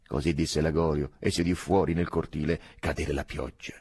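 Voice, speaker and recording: Male audiobook narrator, low and husky, expressive. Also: no room sound. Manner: measured, expressive storytelling. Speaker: audiobook reader.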